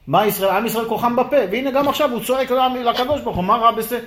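A man teaching a lively Torah class, firing rhetorical questions and acting out the dialogue. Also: very high voice.

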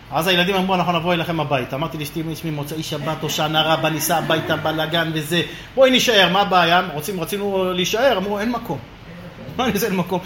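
A man's voice: high-pitched, slight background noise. A man giving a humorous religious talk, telling a story and acting out the voices of the people in it. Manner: lively, acts out quoted voices. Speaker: religious lecturer. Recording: echoey room.

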